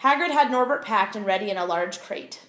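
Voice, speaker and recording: A woman reading a children's novel aloud, with expressive, clear storytelling. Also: medium pitch, a little fast, reverberant. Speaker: audiobook reader.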